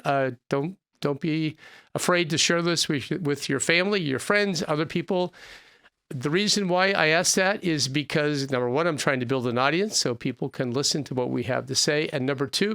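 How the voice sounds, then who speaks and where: A man's voice: fairly high pitch, vocal fry, a bit bright, no room sound. A man in his sixties hosting a podcast from a small studio, talking earnestly and repeating himself with many restarts. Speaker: podcast host. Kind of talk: podcast interview. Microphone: studio mic with headphones.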